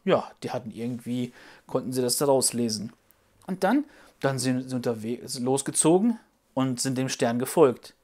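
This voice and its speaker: A woman retelling a Bible story for children, patient and gently explaining, with playful hesitations. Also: extremely low pitch, lively intonation, normal speed.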